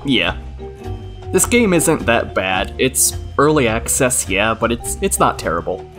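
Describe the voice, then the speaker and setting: Laid-back young man, bright tone. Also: medium pitch, sing-song, a little slow, faint music behind. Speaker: gaming channel host. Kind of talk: casual let's-play chat.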